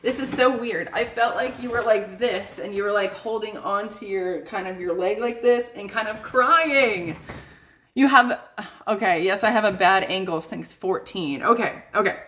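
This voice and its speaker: A woman's voice: mid-range voice, moderate pace, a bit bright, a little hiss or hum. A woman, a psychic medium chatting emphatically to viewers in a live stream. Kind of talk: casual live-stream talk.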